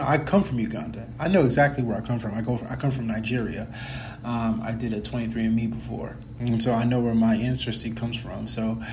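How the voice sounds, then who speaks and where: A man's voice: medium pitch, darkish tone, a little hiss or hum. A young adult man from the United States with a slight cold, hosting his own podcast in a casual, earnest way, rambling and correcting himself as he talks. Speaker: podcast host. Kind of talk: casual personal talk.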